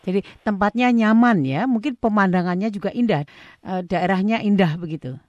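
A woman's voice: mid-range voice, normal speed, a little mellow, dry recording, muffled recording. A woman asking conversational questions as a radio interviewer.

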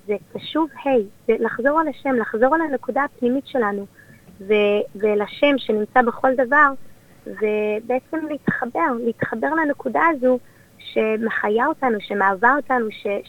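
Born in Australia and raised there and in Israel, a community leader with an Israeli accent explains things conversationally as a radio interview guest. She has a slightly high voice with no room sound, though the recording is dull and lo-fi.

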